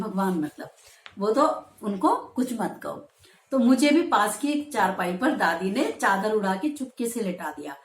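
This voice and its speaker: Woman teacher explaining a story, echoey room. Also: fairly high pitch. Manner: reads passages, then explains in plain words; acts out quoted lines with raised voice.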